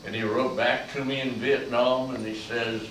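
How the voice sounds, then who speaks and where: An older man, a veteran, performing a slow, emotional spoken-word monologue that swells to loud peaks on key lines. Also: medium pitch, flat delivery, noisy background. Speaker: Vietnam veteran storyteller. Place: large echoey college room. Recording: echoey room from far off.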